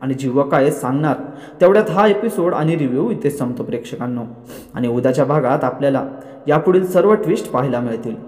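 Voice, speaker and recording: A man's voice: medium pitch, animated, quick pace, darkish tone. A man retelling a TV serial episode, voicing each character's lines with rising emotion. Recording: echoey room with long reverb.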